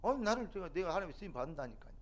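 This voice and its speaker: A middle-aged man preaching a sermon as a pastor in a church, building to loud, emphatic peaks. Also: high voice, sing-song, rapid-fire. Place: church sanctuary.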